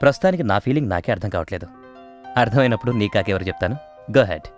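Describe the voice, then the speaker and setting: A man plays a generous office boss who speaks in a brisk, upbeat way. He talks very fast, with faint music behind. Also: on the low side, lively intonation, close to an everyday voice. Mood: cheerful.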